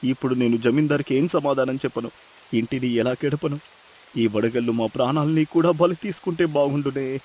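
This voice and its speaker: An actor playing a poor farmer who pleads and despairs with anguish in a storybook drama. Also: male voice, mid-range voice, a little fast, a little mellow, lightly acted. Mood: despairing. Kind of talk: storybook voice acting.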